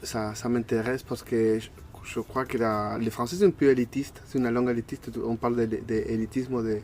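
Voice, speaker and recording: Guesting on a casual interview, this Argentine in his thirties speaks briskly in a level, medium-pitched, darkish voice. He hesitates and hunts for words in his second language, his Spanish accent clear, over slight background noise.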